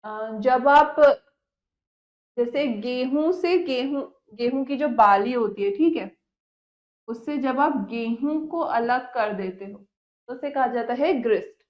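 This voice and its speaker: High-voiced woman teaching in an echoey room. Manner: slow reads of English lines, quick Hindi explanations. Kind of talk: classroom lesson explaining a poem. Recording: echoey room, dull lo-fi sound.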